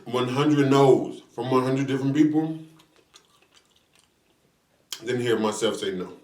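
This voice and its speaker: A man's voice: medium pitch, unhurried, a little mellow. A man chatting casually and slangily to viewers as he eats fried chicken during a mukbang. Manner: eating fried chicken while talking; colloquial, slangy, addresses viewers as y'all. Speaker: mukbang vlogger. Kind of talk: casual chat to viewers while eating. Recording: roomy echo, distant from the mic.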